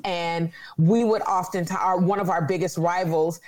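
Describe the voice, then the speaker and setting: A woman's voice: on the low side, steady tone, moderate pace, darkish tone. A woman in her forties from California, speaking earnestly and reflectively in a conversational interview. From Sacramento, California.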